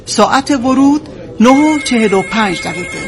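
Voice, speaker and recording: A woman's voice: fairly high pitch, expressive, over music. A strict female office manager in a TV drama, speaking sternly and reprimanding. Her tone is firm and cool throughout.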